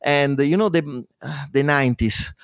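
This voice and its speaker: A man's voice: a little high, moderate pace, no echo, clean studio sound. Laughing Italian-accented man telling stories. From Italy. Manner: lively storyteller, laughs often, frequent fillers and restarts. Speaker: guest, musician and programmer. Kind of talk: casual interview talk.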